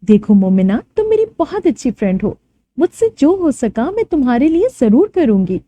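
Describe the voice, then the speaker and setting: A woman's voice: high voice, sing-song, normal speed, warm tone, dry recording. Chatty young college friend, voiced by a woman. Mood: concerned. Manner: casual, mixes English words.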